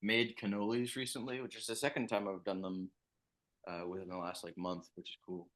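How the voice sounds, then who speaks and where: A young man chatting on a casual podcast in a fairly low voice. He rambles and swears, and he often drops a thought halfway and restarts it. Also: little pitch movement, fairly quick, a bit bright. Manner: rambling, crude, trails off and restarts. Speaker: podcast co-host.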